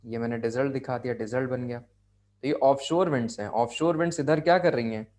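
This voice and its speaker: A man's voice: mid-range voice, brisk, darkish tone. A man with an Indian accent leads a geography class over a video call. He talks in a patient, repetitive way, restating each term and stopping to ask whether everyone has understood. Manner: explains step by step, repeats key phrases, checks understanding. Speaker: geography tutor. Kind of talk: online class lecture.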